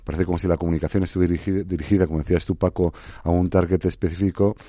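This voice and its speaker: A man in his sixties with a Spain Spanish accent, speaking as a guest on a radio interview. His voice sits very low and mellow, recorded close and dry in the studio. He reflects aloud, pausing and restarting as he weighs his points. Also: fairly even intonation, dry recording. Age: 60s. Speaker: guest, advertising expert.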